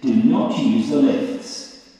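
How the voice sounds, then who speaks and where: A man making formal safety announcements over public address loudspeakers in a large building, repeating each instruction. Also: medium pitch, takes it slowly, heavy background noise. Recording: echoey hall from far off, faint ambience.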